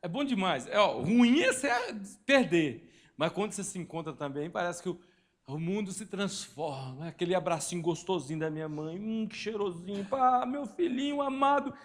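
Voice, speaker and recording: A man's voice: sits high, lively intonation, moderate pace. A man in his forties from Brazil, a pastor telling a personal story in a church sermon, acting out voices and sound effects. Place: church hall.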